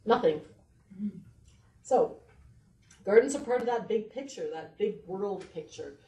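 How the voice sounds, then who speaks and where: A woman's voice: mid-range voice, lively intonation, normal speed, mellow. A middle-aged woman giving a chatty, joking gardening presentation to a live audience, often asking them questions. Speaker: horticulturist giving a library talk. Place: library meeting room. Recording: roomy sound from a distant mic with faint noise.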